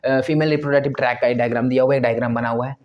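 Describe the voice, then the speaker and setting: A man's voice: mid-range voice, fairly even intonation, rapid-fire, highs cut off. A male exam-prep teacher giving motivational study advice to students, emphatic and repetitive, firing off rhetorical questions. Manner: emphatic, repeats points, asks rhetorical questions.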